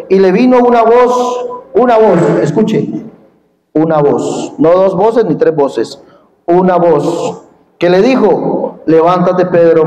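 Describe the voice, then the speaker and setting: A man preaching a fiery sermon, quizzing the congregation and rising to shouts. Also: sits high. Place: large church hall at a congress. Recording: echoey hall with long reverb.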